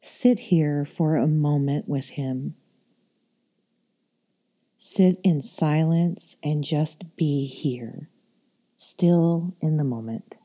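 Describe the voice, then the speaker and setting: Woman, low mellow voice, unhurried soothing meditation guide. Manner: slow, soothing, calm delivery.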